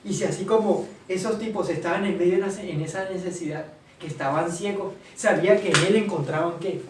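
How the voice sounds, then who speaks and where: A man's voice: high voice, a little fast, a little mellow, slight background noise. A man preaching a sermon, asking questions and answering them himself. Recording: roomy hall, voice from far off, faint ambience.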